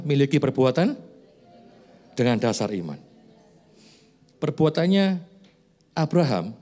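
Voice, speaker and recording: A man's voice: medium pitch, warm tone. A man in his forties preaching as a pastor in a church, chatty and joking between pointed, rising questions to the congregation. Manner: conversational, joking asides, rising emphatic questions. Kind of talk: sermon. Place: church sanctuary.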